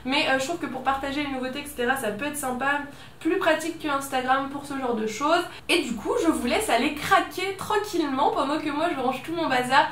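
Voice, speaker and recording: A woman's voice: sits high, a little fast, fairly bright tone, recorded from a distance. A woman chatting casually through a scrapbooking haul video, chatty and self-mocking, with many little fillers. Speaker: scrapbooking vlogger. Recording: echoey room, voice a bit off-mic, faint noise.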